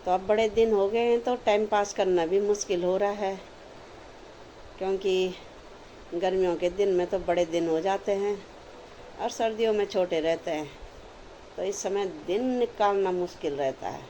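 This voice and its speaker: A woman's voice: medium pitch, moderate pace, mellow, a little hiss or hum, low-quality recording. A woman chatting homely to her viewers in a casual home cooking vlog. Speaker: lifestyle vlogger.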